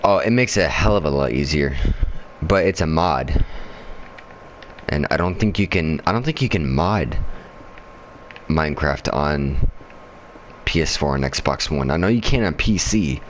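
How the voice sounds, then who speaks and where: A man's voice: very deep voice, lively intonation, slight background noise. A tired man chatting casually over his gameplay after a night shift, rambling, swearing a lot and stumbling over his words. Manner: rambling and profane, with frequent pauses and restarts. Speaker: gamer streaming his own play.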